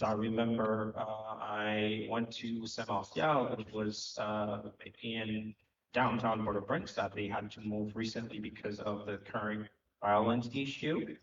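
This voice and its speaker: A man's voice: fairly low pitch, a little hiss or hum. Earnest man in an echoey hall. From Haiti. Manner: earnest, reflective, with frequent filler pauses. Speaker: panel speaker, economic development director. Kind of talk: conference panel talk. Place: conference hall at a live event. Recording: echoey, distant, muffled hall recording.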